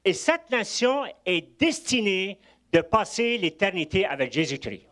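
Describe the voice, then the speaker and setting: An older Egyptian man, serving as a guest preacher, gives a sermon full of anecdotes and chuckling asides, told with warm storytelling. His voice sits high with big pitch swings, and he speaks a little slowly.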